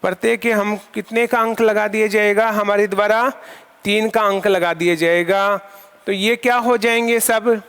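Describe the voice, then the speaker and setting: A man's voice: high voice, steady tone, normal speed, a bit bright, smooth. A male Sanskrit teacher giving a lecture, asking questions and answering them himself while repeating key terms. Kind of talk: classroom lecture. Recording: long hall reverb.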